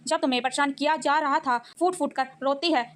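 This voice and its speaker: Woman narrator voicing a scared, anxious schoolgirl; high-pitched. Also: fairly even intonation, fairly quick, lightly acted. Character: timid, frightened teenage schoolgirl.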